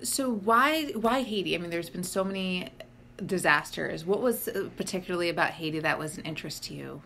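Woman host, bright crisp tone, lowish pitch, curious questioner. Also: fairly quick, slight background noise. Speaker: interview host. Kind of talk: interviewing guests.

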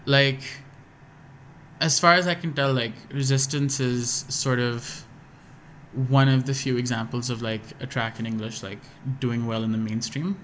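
A young guest musician from Pakistan speaks unhurriedly on a casual podcast, his American accent clear as he circles around ideas with fillers, false starts and restarts. His mid-range voice holds a steady, slightly bright tone. A faint room ambience and a little hiss or hum are behind him.

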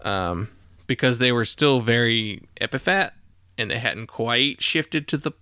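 A man with a bright, forceful tone and a smooth, crisp voice leads a casual podcast chat. He rambles in a relaxed way and laughs easily. The sound is close and dry. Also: medium pitch, unhurried, no echo. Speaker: podcast host.

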